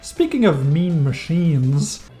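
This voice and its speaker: A game reviewer of thirty, not a native English speaker, takes it slowly while narrating a scripted video essay revisiting a game. His voice is a little high, sing-song and warm, set against soft background music. He's enthusiastic yet wry, with dry jokes along the way.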